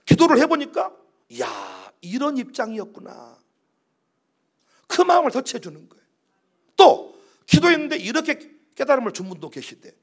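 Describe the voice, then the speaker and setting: A male pastor preaching a sermon, swinging from loud emphatic declarations to low quiet asides and acting out quoted prayers in slow dramatic voices. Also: wildly swooping pitch, breathy edge.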